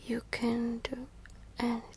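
A woman whispering an ASMR pep talk of positive affirmations in short, repeated phrases with long pauses. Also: on the high side, monotone, a little mellow, a little hiss or hum. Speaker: ASMR host.

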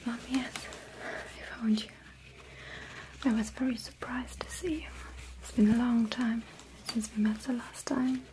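A woman whispering softly and gently in an ASMR roleplay, caring for someone as a nurse-like caregiver. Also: fairly high pitch, level tone, slight background noise. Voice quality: breathy whisper. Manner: soft, gentle, slow whispering. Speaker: ASMR performer.

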